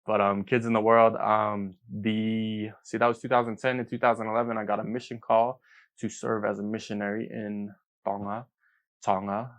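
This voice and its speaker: A man's voice: lowish voice, level tone, moderate pace. A young man co-hosting a podcast, chatting casually in an upbeat, joking way with slang. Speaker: podcast co-host.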